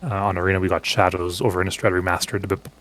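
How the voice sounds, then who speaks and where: Low-voiced man explaining quickly. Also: little pitch movement, a bit bright, low-quality recording. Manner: quick, eager explaining with fillers. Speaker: podcast guest. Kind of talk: casual conversational podcast.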